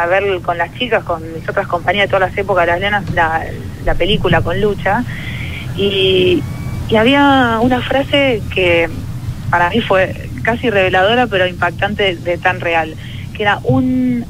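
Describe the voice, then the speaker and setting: In a low-quality recording with slight background noise, a woman speaks at a moderate pace in a mid-range voice. She is an Argentine sociologist and field hockey player giving earnest, thoughtful radio interview answers, full of restarts and fillers, in Argentine Spanish.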